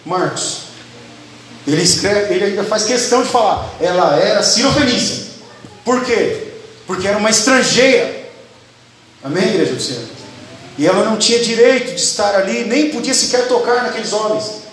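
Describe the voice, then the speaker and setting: A man's voice: high voice, lively intonation, moderate pace, long pauses, fairly bright tone. Brazilian man preaching in an echoey room. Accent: Brazilian Portuguese. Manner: conversational preaching, often asking the congregation "Amém?". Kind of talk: sermon. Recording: echoey room, mic at a distance, faint background noise.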